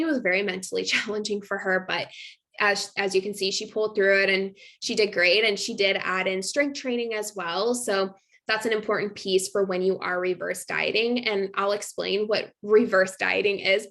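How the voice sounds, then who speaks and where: Medium in pitch and a bit bright, this young woman's voice carries a laid-back online masterclass on nutrition. She's chatty, leans heavily on fillers, and drops little laughs between points.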